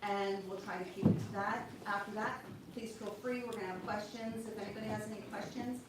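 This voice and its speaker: Woman host from a church committee, halting and informal, recorded far off in a very echoey hall. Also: mid-range voice, steady tone. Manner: hesitant, informal, many ums and restarts. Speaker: committee member introducing speaker. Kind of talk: event introduction. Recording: echoey room from far off with loud noise.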